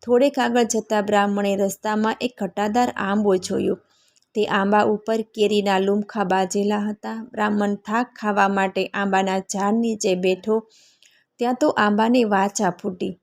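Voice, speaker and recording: A woman narrating a devotional fasting tale in a calm, steady reading voice, opening with a chanted prayer. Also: medium pitch. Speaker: devotional storyteller.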